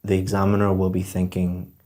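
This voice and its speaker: A man's voice: sits low, completely flat delivery, a little fast, dark tone, a little hiss or hum. A man giving spoken feedback on a speaking test, explaining scores in an encouraging way with frequent restarts.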